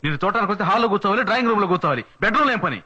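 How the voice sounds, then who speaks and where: An actor playing a drunken rich father who scolds and shouts, slurring at times, on a dull film soundtrack. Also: high voice, lively intonation, very fast, exaggerated voice. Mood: angry. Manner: switches between shouting and slurred English.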